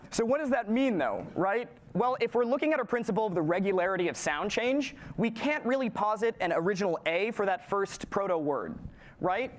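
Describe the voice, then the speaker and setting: A young man giving a lively, casual lecture to a live audience, often checking in with "right?" and quizzing the room. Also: high-pitched, a little fast, slight background noise. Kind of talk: live classroom lecture on historical linguistics.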